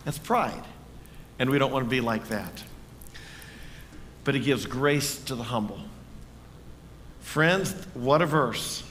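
A man's voice: medium pitch, slow pace, long pauses, a bit bright, big-room sound, slight background noise. A man preaching a sermon in a church, earnest and conversational, often asking the congregation questions. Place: church sanctuary.

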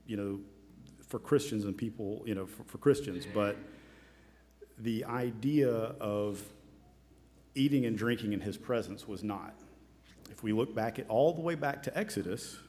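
Halting, lowish-voiced man in an echoey hall. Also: warm tone. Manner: halting, hesitant, conversational, self-deprecating. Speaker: church member giving a communion talk. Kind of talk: informal communion devotional with scripture reading. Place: large church room, speaking to a congregation. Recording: echoey hall with long reverb.

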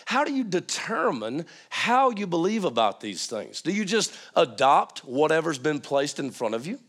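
A man's voice: a little high, very animated, moderate pace, a bit bright. A man preaching an informal teaching sermon, checking in with listeners through questions, his voice strained as it recovers from being lost.

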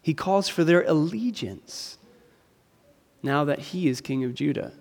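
A man's voice: on the high side, expressive, unhurried, gravelly, darkish tone, in a large hall. A man preaching an expository sermon, explaining a text with rising, emphatic peaks.

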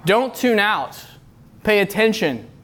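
High-pitched guy giving a sermon, repeats himself for emphasis, earnest. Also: big pitch swings, slow, fairly bright tone. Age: middle-aged. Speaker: youth pastor. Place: retreat meeting room.

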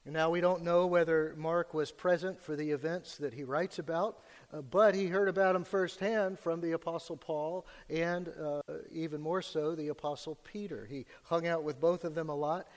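Pastor preaching at a pulpit microphone. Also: male voice, on the high side, fairly even intonation, moderate pace, few pauses. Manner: preaching with many filler "uh"s, rising for emphasis. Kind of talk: sermon. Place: church sanctuary. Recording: long hall reverb.

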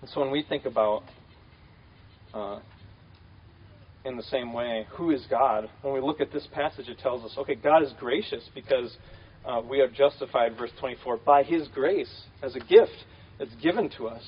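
A man's voice: medium pitch, moderate pace, highs cut off, a little hiss or hum. A man preaching a conversational sermon, casual and full of fillers, repeating key phrases.

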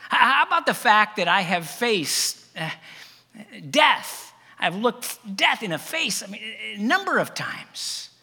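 A man acting as the Apostle Paul, reluctantly boasting to a congregation in a halting, stammering, heavily ironic dramatic monologue. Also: high voice, sing-song, sharp tone, husky, big-room sound, exaggerated voice. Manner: halting, stammering, heavy with irony. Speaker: actor in a first-person biblical monologue.

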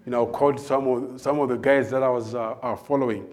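Man, guest preacher, mid-pitch voice, halting testimony delivery with frequent pauses. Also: steady tone, a little mellow. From South Africa. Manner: hesitant, many filler pauses. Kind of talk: personal testimony before a sermon.

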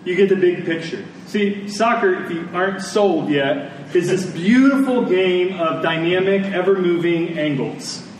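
Heard from a distant microphone in a highly reverberant church hall with a faint noise floor, an American man preaches to his congregation. His voice is high, and he talks in a conversational way, breaking ideas into short, deliberate phrases.

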